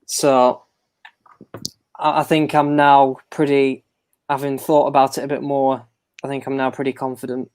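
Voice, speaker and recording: A male quiz contestant who speaks in a measured way, thinking aloud. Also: medium pitch, little pitch movement, darkish tone, clean tone. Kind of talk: casual chat.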